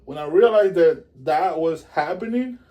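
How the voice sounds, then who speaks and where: Man, high-ish voice; animated casual guest who acts out quotes. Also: normal speed, muffled recording. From Puerto Rico. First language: Spanish. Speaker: musician guest. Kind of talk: casual interview.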